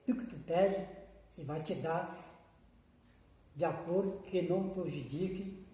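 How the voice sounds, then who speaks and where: Brazilian deacon, male, a touch nervous and trembling, fervent repetitive preaching, high but mellow voice, heavy church echo. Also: unhurried. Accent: Brazilian Portuguese. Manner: fervent, repetitive exhortation, acting out prayers. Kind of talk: sermon. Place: church hall. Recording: booming echoey church hall.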